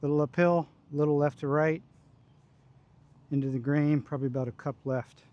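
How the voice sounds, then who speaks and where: A man giving casual, low-key golf commentary on his own round, talking through his shots in short, clipped phrases. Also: fairly even intonation, moderate pace, dull audio. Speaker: amateur golfer recording his own round. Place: outdoors on a golf course.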